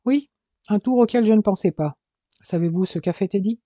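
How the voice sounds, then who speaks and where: A man voicing a vengeful adventurer who growls out his plans in fast, urgent bursts. The voice sits a little high yet sounds very dark and mellow, in a dry, close recording. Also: no echo, muffled recording, natural voice.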